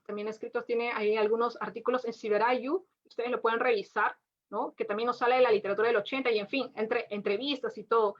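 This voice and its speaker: A woman giving an academic lecture on literature, full of restarts and tag questions. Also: fairly high pitch. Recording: dull lo-fi audio.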